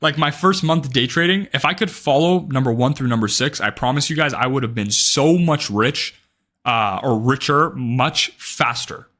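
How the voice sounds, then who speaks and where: Talking at normal speed in a medium, fairly bright voice, a young adult man of about twenty gives a day trading advice talk straight to camera. He's blunt and emphatic, swears often, and keeps ending points with "right?".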